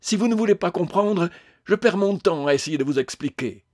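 A tearful, ashamed woman ghost, as a male reader puts her on, her voice pushed up high and strained. She pleads and protests in an agitated way. The storybook reading is close and dry. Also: animated, a little fast, dry recording. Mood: anguished. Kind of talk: audiobook character voice.

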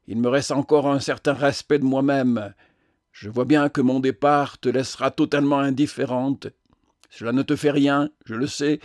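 A man's voice: mid-range voice, darkish tone, no echo, clean studio sound, close to an everyday voice. A man voicing a theatrical, self-pitying man, with declamatory, sarcastic delivery.

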